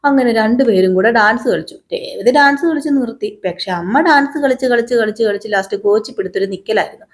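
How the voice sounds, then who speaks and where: A woman casually retelling the events of a TV serial in an animated, chatty manner. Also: fairly high pitch, fast. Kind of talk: casual storytelling narration.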